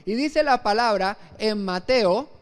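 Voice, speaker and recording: A man's voice: high voice, expressive, slow pace, smooth, faint music behind. A male pastor from Venezuela preaching a live church sermon, earnest and storytelling, with frequent restarts. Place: church service.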